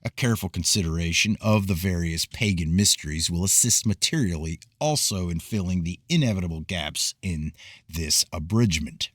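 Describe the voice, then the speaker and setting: A man reading an old esoteric book aloud in a measured, formal way, with occasional stumbles. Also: low-pitched, fairly bright tone, no echo, studio quality. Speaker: reader of esoteric texts. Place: cold room.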